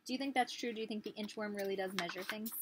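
A woman's voice: mid-range voice, quick pace, a little hiss or hum. A woman in her thirties reading a picture book aloud as a teacher, expressively, putting questions to small children. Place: small living room, indoors.

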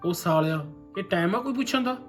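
A man's voice: high-pitched, lively intonation, brisk. A man playing a flustered, short-tempered groom. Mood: irritated. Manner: annoyed, snapping. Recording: roomy film audio with music.

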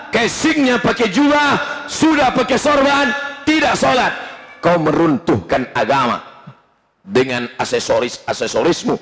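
A man preaching a humorous, lively sermon in a mosque, with bursts of shouting. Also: fairly high pitch. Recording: long reverb in mosque hall.

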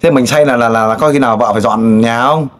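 A man interviewing a guest in a casual way, pressing with pointed, teasing questions and loud exclamations. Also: mid-range voice, fast. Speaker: street interviewer.

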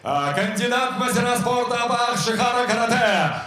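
An older man working as a boxing ring announcer, introducing fighters formally and theatrically with drawn-out, shouted names. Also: lively intonation, faint music behind. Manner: formal, theatrical, booming delivery. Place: fight ring in a covered arena. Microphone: handheld microphone. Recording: echoing arena PA sound.

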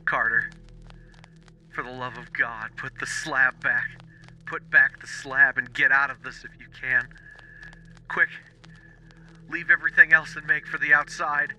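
A man's voice: mid-range voice, fairly even intonation, unhurried, long pauses, bright, forceful tone, voice pushed up. A man voicing a terrified explorer trapped in a crypt, whispering shakily over a telephone line and pleading in fear. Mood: frantic. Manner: shaky, fearful whispering that rises to frantic pleading.

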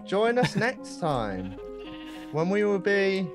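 A man's voice: high voice, huge pitch swings, takes it slowly. A young man co-hosting a gaming video, chatting casually in a mild, placating way. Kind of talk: casual let's play chat. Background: game music.

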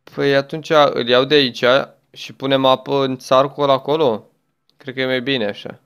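A man's voice: medium pitch, fairly even intonation, fairly bright tone, clean tone. A young man chatting his way through a game as a gaming YouTuber, exclaiming often and talking to the game and a friend. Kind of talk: let's play commentary.

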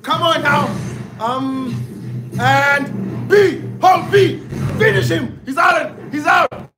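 A man commentating his own gameplay as a let's-play host, hyped and shouting, repeating phrases over and over. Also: extremely high pitch, slow. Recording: echoey room with loud game music and crowd sounds.

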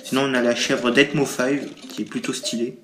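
A man's voice: mid-range voice, level tone, moderate pace. A man giving playful, joking commentary while playing a mobile game, recorded on a tablet's built-in mic, with lots of hesitations. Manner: playful, jokey, frequent hesitations. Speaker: gaming YouTuber. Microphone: tablet mic through game-recording app. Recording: roomy sound over game music.

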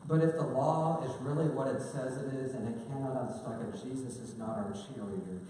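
A man preaches earnestly, moving between hushed and impassioned stretches. His voice sits in the middle range and lands from well back of the mic. Long, echoing reverb from a large church hall fills the space under faint room noise. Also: mid-range voice, steady tone, fairly quick. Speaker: pastor. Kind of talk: sermon. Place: church sanctuary. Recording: echoey hall, distant mic, faint ambience.

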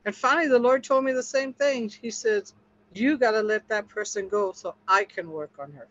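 A woman's voice: mid-range voice, moderate pace, fairly bright tone, no echo. Woman, earnest storytelling testimony, fellowship group chat, dull muffled sound. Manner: earnest, storytelling, acts out quotes with laughter. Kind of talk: casual testimony in a group discussion.

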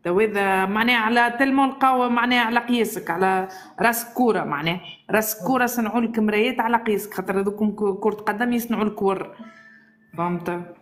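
A woman's voice: mid-range voice, fast talker. A woman calling into a live stream, teasing and mocking the host. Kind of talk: heated live stream debate.

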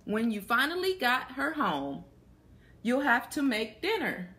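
A young adult woman reads a picture book aloud to children in a small, plain indoor room, pausing to ask her young listeners questions. Her voice sits on the high side, with big swings in pitch, an unhurried pace, and a sharp tone.

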